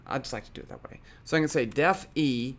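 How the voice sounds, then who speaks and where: A man's voice: mid-range voice, quick pace, fairly bright tone. A man hosting a physics coding tutorial, talking casually and thinking aloud with fillers and small self-corrections.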